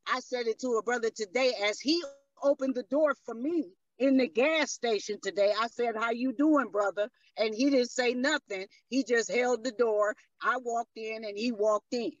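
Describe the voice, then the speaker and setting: A high-pitched woman holding forth as a radio guest, emphatic and blunt, with a dry, slightly dull studio sound. She talks in a loose street style and keeps checking that she is understood. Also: moderate pace, no echo. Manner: emphatic, street-talking, repeats "you see what I'm saying". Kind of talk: casual radio talk.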